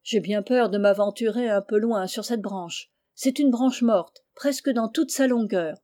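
A simple, earnest old servant calls down answers and plaintive protests, as a woman reading the story voices him. Her voice is slightly higher than her narration and soft in tone. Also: measured pace, lightly acted.

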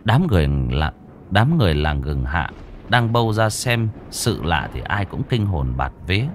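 A man telling a horror story in vivid, expressive narration. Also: low voice, moderate pace, slight background noise. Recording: narration over faint music.

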